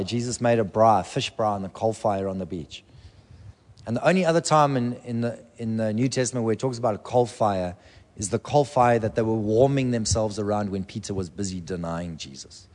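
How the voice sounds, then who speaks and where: A man's voice: fairly low pitch, a little mellow. A man preaching a sermon, passionately acting out biblical dialogue. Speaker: pastor. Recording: long hall reverb.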